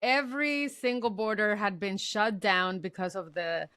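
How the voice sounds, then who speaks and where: A woman from the Dominican Republic speaks as a guest author with a bright, forceful tone. Her talk is earnest and reflective, and it gathers into passionate points. The sound is dry, with almost no room. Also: medium pitch, fairly even intonation, measured pace, smooth, no echo. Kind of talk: podcast interview.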